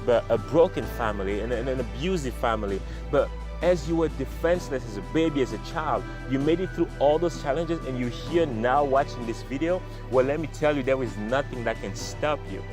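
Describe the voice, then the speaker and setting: A man from the Congo giving an earnest, emphatic motivational talk to camera, repeating phrases for effect. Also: fairly high pitch. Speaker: motivational vlogger. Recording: music playing underneath.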